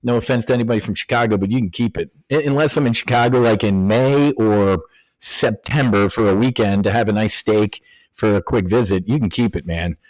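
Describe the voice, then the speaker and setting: Low-voiced man telling a lively story. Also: fairly quick, dry recording, poor audio. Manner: animated storyteller, acts out quoted voices, casual slang. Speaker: guest, former Navy fighter pilot turned options trader. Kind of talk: conversational storytelling interview.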